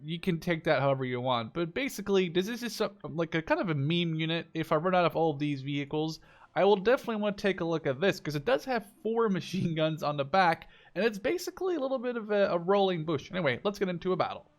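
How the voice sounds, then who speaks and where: Playing a tank game, this twentysomething Dutchman living in Canada hosts gaming videos, talking at a quick pace with a fairly high voice and lively intonation. He thinks aloud in casual, chatty, playful commentary, with vehicle and game noise behind him.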